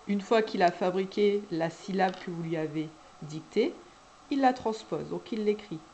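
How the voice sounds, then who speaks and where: A woman preschool teacher guiding parents through a syllable dictation, speaking slowly and deliberately and drawing out each syllable. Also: mid-range voice, mellow, a little hiss or hum. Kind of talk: instructional video for parents.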